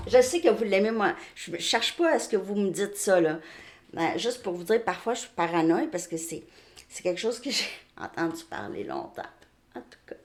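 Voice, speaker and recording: A woman's voice: medium pitch, big pitch swings, moderate pace. A woman from Quebec with a Québécois French accent, chatting casually through a tarot reading and often checking in with "ok?". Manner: chatty, repeats "ok?" often, frequent restarts. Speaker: tarot reader. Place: home, outside Montreal suburbs.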